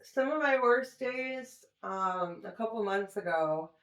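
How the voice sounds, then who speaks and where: A woman speaking as a recovery coach in a podcast interview, calm and unbothered. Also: mid-range voice, takes it slowly. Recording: echoey room.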